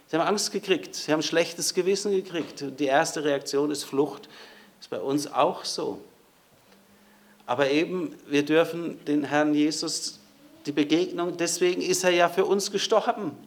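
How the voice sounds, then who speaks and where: A man's voice: fairly high pitch, creaky. A man preaching a sermon in a conversational way, speaking directly to his listeners.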